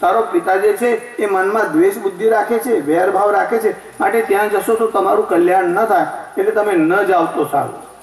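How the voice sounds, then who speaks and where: High, gravelly man giving a religious discourse. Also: normal speed. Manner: mixes sung verses and anecdotes. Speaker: scripture storyteller. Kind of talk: devotional discourse. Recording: echoey hall, distant mic.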